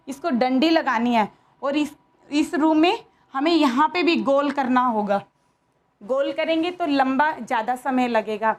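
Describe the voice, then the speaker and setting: A woman teaching young children a lesson, patiently explaining and asking them questions. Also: sits high.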